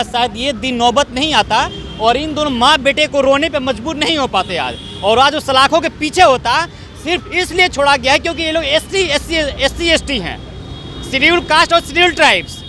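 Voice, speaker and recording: A man's voice: very high-pitched, sharp tone, slight background noise. A man reporting from outdoors, speaking with anger and accusation. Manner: angry, accusing. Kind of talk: street news report.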